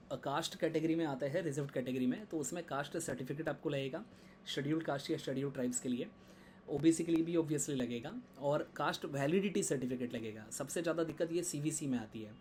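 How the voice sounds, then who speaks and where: A man's voice: on the high side, dark tone, a little hiss or hum. Chatty man explaining admissions steps. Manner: conversational, code-switching in English, frequent "theek hai" check-ins. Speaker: law admissions tutor. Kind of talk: screen-share explainer lesson.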